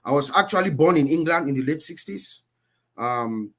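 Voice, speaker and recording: A man's voice: fairly high pitch, animated, normal speed, fairly bright tone. A man in his fifties who grew up in Cameroon, a guest speaker telling his life story on a live stream in an earnest, repeating way. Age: 50s.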